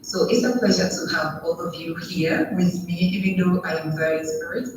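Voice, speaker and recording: A woman's voice: on the low side, moderate pace, background noise. A woman from Ghana, formally introducing herself to a panel over a video call. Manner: polite, formal greetings, laughs lightly. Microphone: video call played over room speakers. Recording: echoey room audio picked up from far off.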